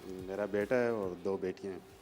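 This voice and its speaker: A man's voice: low-pitched, fairly even intonation, moderate pace, a little mellow, soft background music. A man who has won a prize, answering in short, shy replies on a TV studio set. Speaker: prize winner.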